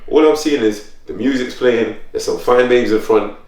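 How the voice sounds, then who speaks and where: A man's voice: mid-range voice, moderate pace, recorded from a distance. A man telling stories in casual chat, full of slang, his voice jumping up when he gets worked up. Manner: animated storytelling with slang, voice jumps up when worked up. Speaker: podcast host. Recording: roomy sound, a bit off the mic.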